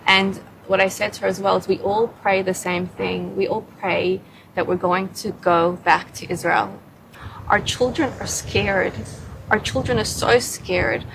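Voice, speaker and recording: A woman, a mother speaking heartfelt and halting as an interview guest. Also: medium pitch, fairly even intonation, gravelly, noisy background. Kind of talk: emotional interview testimony.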